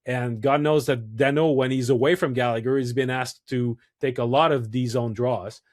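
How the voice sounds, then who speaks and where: A man co-hosting a hockey podcast, analyzing in a thoughtful, halting casual way. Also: mid-range voice, steady tone, a little mellow. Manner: thoughtful, restarts and hesitations.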